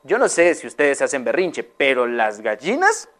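Woman, children's storyteller, lively swooping pitch, asks the audience questions, slow dramatic pauses.

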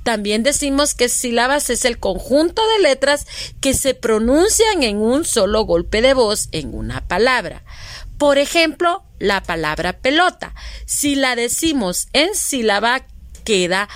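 A woman from Guatemala teaching a lesson to young children, speaking slowly, drawing out syllables, asking questions and praising the answers. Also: on the high side, big pitch swings, dry recording.

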